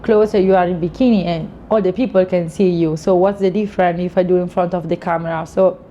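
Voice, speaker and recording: Casting: woman, late 20s, Italian accent, soft mellow tone, slightly low voice, casual interviewee, dull recording. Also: steady tone, fast talker, a little hiss or hum. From Italy. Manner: informal, non-native English phrasing with frequent "you know". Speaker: interviewee, fashion model.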